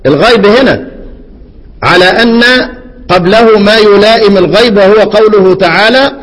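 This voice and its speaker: Egyptian Arabic male teacher, high voice, quizzing his class and reciting verses slowly, long hall reverb. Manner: questioning students, answering his own prompts; slow measured recitation of quoted verses. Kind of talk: classroom lesson explaining a classical text.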